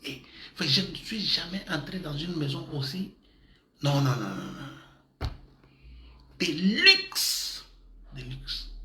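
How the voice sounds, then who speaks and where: A man preaching an animated sermon as a pastor, lively and often laughing, mixing in African words. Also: on the high side, echoey room, slight background noise. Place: church in Madrid.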